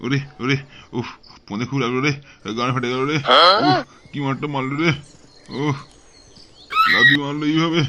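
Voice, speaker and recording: A man's voice: medium pitch, normal speed, long pauses, noisy background, lightly acted. A man playing a whining crazed beggar. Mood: wailing. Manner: whining and pleading. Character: dazed, pleading male beggar gone mad. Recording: music behind the voice.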